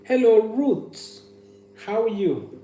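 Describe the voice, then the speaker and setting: Speaking slowly in a high, warm voice, this livestream host chats casually about his own stories and views. He tends to repeat phrases for emphasis, and the room echoes with a faint hum underneath.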